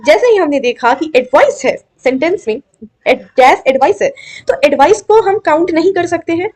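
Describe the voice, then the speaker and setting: A woman's voice: very high-pitched, animated, moderate pace, darkish tone. A young woman teaching an exam-prep grammar lesson, coaxing and checking often that students follow. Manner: coaxing, repeatedly checks understanding.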